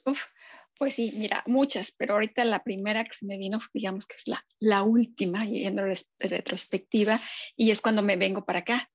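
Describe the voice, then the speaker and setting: A woman's voice: mid-range voice, fairly even intonation, a little fast, dry recording, dull audio. A Mexican woman in her fifties, a guest telling her story with feeling on a video call. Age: 50s. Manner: warm, emotional storytelling with many quoted voices. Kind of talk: casual interview chat.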